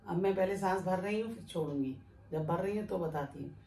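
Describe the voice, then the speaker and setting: A woman yoga teacher giving a calm, step-by-step breathing lesson while she demonstrates it. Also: on the low side, brisk. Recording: echoey room with faint background noise.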